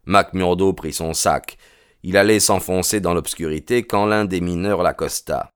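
A man narrates a novel in a measured, even way. His voice is very deep and low. The recording is dry and close, with no room sound. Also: clear, resonant tone, dry recording. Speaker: audiobook narrator. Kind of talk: scripted narration.

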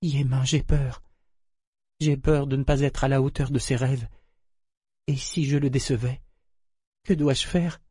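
A man's voice: mid-range voice, steady tone, unhurried, long pauses, mellow, husky, no room sound, clean studio sound, voice pushed up. A man reading a novel aloud voices an anxious young woman who speaks hesitantly and apologetically. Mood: fearful. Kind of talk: audiobook character voice.

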